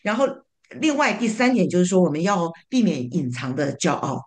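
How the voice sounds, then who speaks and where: A woman's voice: lowish voice, very animated. Hesitant woman sharing in church group. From living in North America. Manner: halting, many fillers and repeated words. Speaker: church small group member giving a summary.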